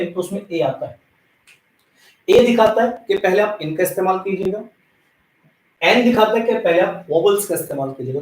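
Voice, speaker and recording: High-voiced man teaching in an echoey room. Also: recorded from a distance. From India. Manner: explains step by step, addresses students directly. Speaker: English teacher. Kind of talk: classroom grammar lesson.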